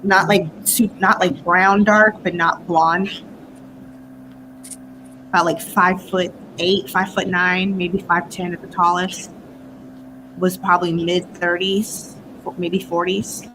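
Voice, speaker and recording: A woman's voice: fairly low pitch, little pitch movement, takes it slowly. A woman chatting casually as a psychic medium on a livestream panel. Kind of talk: casual chat. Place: video call livestream. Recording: clearly noisy video call audio.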